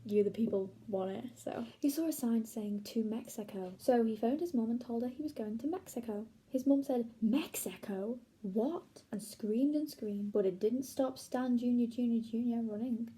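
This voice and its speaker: A young woman reading silly stories aloud in a mock-boastful, deadpan comic style, with playful voices for the characters. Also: on the high side, moderate pace, hardly any pauses, breathy edge, low-quality recording. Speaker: comedic self-styled author reading her own stories.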